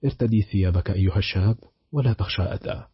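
A man with a very deep, husky voice reading the lines of a cold, sarcastic betrayed husband in a storybook. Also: fast talker, no echo, lo-fi sound, exaggerated voice. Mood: cold mocking. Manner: icy, mocking, calm.

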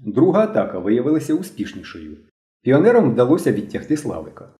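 A man's voice: mid-range voice, fairly quick. A man narrating a children's adventure novel as an audiobook, telling it expressively. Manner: expressive storytelling. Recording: roomy echo.

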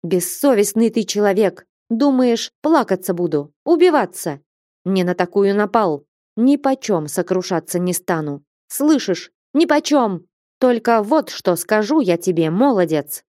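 A woman voicing a proud, passionate young peasant woman in an audiobook, sharp and reproachful. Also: mid-range voice, lively intonation, unhurried, no echo, studio quality, natural voice. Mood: angry. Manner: tearful pleading turning to fierce scolding.

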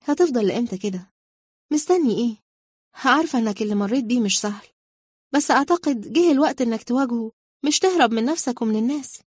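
A woman voicing a fiery young woman and loyal friend who scolds and bickers in quick banter. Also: on the high side, animated, slightly rough, no room sound, studio quality, voice pushed up. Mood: earnest.

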